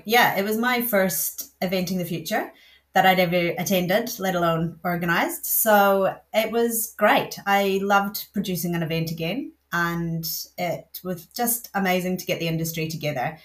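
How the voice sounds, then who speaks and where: A middle-aged woman with a Scottish accent, chatting easily and telling stories as a guest in a podcast interview. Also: on the low side. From north of Scotland. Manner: chatty, storytelling, laughs easily. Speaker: guest, events association general manager.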